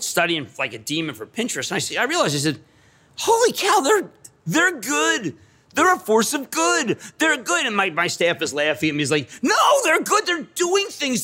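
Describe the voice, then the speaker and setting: Excitable, high-voiced middle-aged man. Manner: excitable, emphatic, repeats phrases for effect. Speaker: guest. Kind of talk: animated storytelling in conversation.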